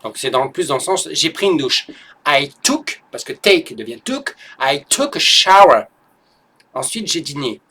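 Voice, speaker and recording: A man teaching English in an online lesson, patiently explaining grammar and repeating each phrase slowly and clearly for learners. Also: a little high, very animated, bright, forceful tone.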